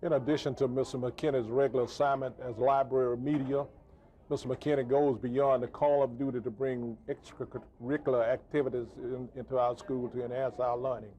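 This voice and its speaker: Mellow, formal male school principal. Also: medium pitch, flat delivery, a little fast. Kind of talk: formal interview statement. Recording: dull, muffled sound.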